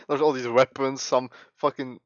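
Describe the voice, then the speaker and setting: A man gives casual stream commentary with emphatic, repetitive swearing. His mid-pitched voice is close and dry, on a slightly dull lo-fi mic. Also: level tone, measured pace, no room sound. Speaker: streamer reacting to a video.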